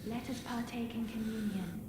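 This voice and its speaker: An actress playing a devout cult zealot in a video game, murmuring a repetitive, solemn prayer like a chant. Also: female voice, a little high, fairly even intonation, normal speed, a crowd in the background, close to an everyday voice. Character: devout female cult church zealot praying a bloodthirsty mantra. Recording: echoing cavernous hall, noisy game audio.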